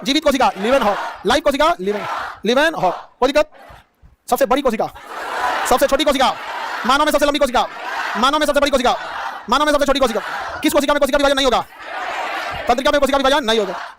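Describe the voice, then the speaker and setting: A man teaches a packed class with a very high, racing voice. He barks questions and answers them himself. The classroom is noisy and full of students. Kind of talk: rapid-fire classroom quizzing.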